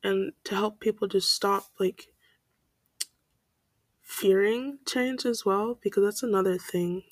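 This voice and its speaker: A woman's voice: medium pitch, takes it slowly, no room sound. A young woman hosting her own podcast from home, rambling in a scattered, self-deprecating way with frequent laughs and a stuffed-up nose. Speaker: podcast host. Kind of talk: casual rambling monologue. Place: bedroom. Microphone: home mic.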